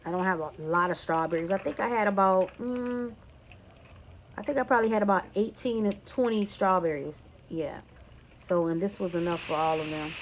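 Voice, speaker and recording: Speaking to "you guys" and "y'all," this cooking vlogger from California keeps her tutorial laid-back and talkative. Her voice sits in the middle range, with a slight hum or hiss in the background.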